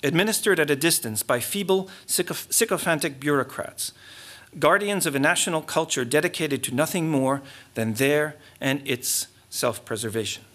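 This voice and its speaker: His pitch is fairly high and his tone fairly bright as this middle-aged man reads a keynote lecture from notes at a lectern. The academic talk, captured by a lectern microphone on a large curtained lecture-hall stage, is measured in pace, with many restarts and muttered asides.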